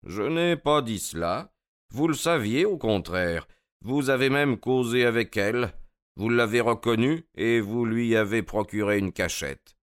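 A man voicing a calm, assured detective in an audiobook reading. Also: medium pitch, measured pace, clear, resonant tone, natural voice. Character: calm sharp male detective.

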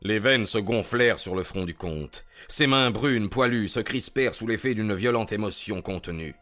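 A man narrating a detective story in measured, even scripted narration. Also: fairly low pitch, soft background music.

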